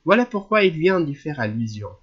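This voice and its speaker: A man voicing a gentle, serious young prince in an audiobook, explaining politely and earnestly. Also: on the high side, sing-song, brisk, slightly rough, lo-fi sound. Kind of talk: audiobook character reading.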